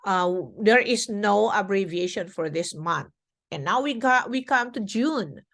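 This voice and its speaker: A woman teacher explaining a classroom lesson to young children, slow and deliberate, with fillers as she goes. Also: mid-range voice, expressive, fairly bright tone.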